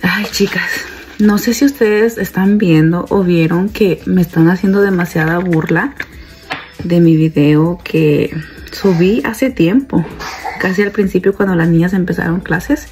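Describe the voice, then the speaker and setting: A stay-at-home mom in her thirties vlogs casually from her kitchen and bedroom, holding her phone at arm's length and addressing her viewers as "girls." Her voice is lowish and darkish in tone, and she speaks unhurriedly.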